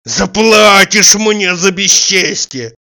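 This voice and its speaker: A man voicing a crude, blustering middle-aged male sponger who shouts insults and abuse. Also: fairly high pitch, lively intonation, unhurried, full character voice. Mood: raging. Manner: bellowing, abusive, indignant.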